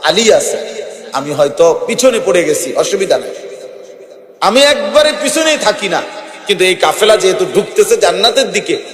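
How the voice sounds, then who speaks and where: A man's voice: high voice, very animated, normal speed. A man with a Bangladeshi Bengali accent preaching an Islamic sermon, listing points in rhythmic phrases that rise and fall. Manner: rhythmic preaching with listed phrases and rising, falling emphasis. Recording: echoey hall reverb.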